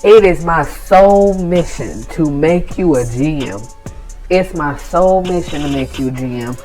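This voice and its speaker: A man quoting his smooth-talking female boss. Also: on the high side, measured pace, darkish tone, faint music behind, natural voice. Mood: assured.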